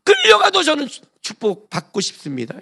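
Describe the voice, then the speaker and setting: A man preaching a sermon as pastor, swinging between hushed asides and loud emphatic exclamations and putting rhetorical questions to the congregation. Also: very high voice, huge pitch swings, fairly quick, gravelly. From Korea.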